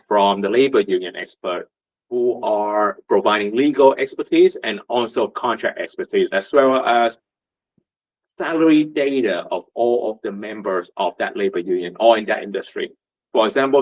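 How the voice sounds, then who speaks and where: A man from Vietnam with a voice on the low side speaks at normal speed in his role as a union rep presenting at a meetup. The talk is conversational, with many fillers and rhetorical questions, recorded in muffled lo-fi sound.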